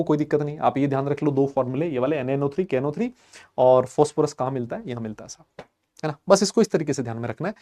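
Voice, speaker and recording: A man teaching a chemistry class, chatty and lively, quizzing and teasing his students and mixing English terms into his talk. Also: a little high. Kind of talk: classroom lecture.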